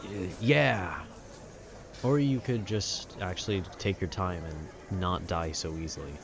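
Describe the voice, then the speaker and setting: Speaking over music with outdoor city ambience, a man in a low-pitched, unhurried voice drifts through a relaxed video game ramble. His informal, slangy style resembles an amateur host talking off the cuff.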